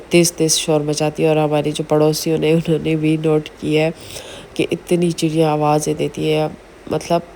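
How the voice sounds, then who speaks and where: A woman vlogging in a chatty, earnest way about faith, with many pauses and fillers. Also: sits low, mellow, a little hiss or hum. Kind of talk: casual religious advice vlog.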